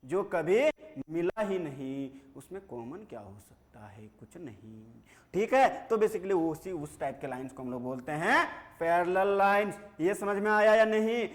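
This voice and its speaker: High-voiced man teaching maths, coaxing. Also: moderate pace. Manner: asks the class questions and answers them himself; playful and coaxing, calls students "dear children". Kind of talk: classroom lecture.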